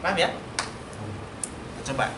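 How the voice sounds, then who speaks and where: A man teaching Arabic in a mosque, quizzing his students in a call-and-response lesson. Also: slow. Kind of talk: classroom lesson. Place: mosque study room. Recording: roomy hall, noisy room recording.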